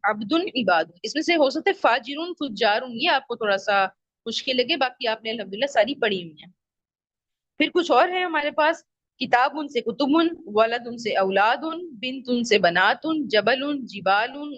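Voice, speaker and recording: Woman teaching a grammar lesson online, slow careful repeats, dull dry mic. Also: on the high side, a bit bright, no echo. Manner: patient, repeats examples slowly.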